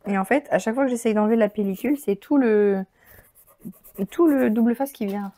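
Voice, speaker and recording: Chatty French-speaking woman, mellow voice. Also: fairly high pitch, a little fast. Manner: chatty, enthusiastic, thinks aloud with many fillers. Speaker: crafting channel host. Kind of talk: casual unboxing chat.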